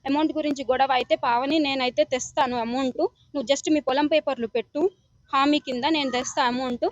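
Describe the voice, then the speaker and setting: A young woman with a high voice speaks fast to a news reporter, giving emotional testimony as a complainant and urgently pleading, repeatedly calling him sir. Her tone stays steady, and the recording is muffled with no room sound.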